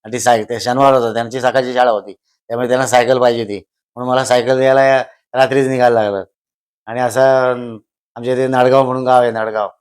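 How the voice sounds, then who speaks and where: Older man, smooth even voice, slow storyteller who repeats himself. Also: medium pitch. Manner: slow, repeats phrases for emphasis. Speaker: guest, host's father. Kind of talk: casual storytelling.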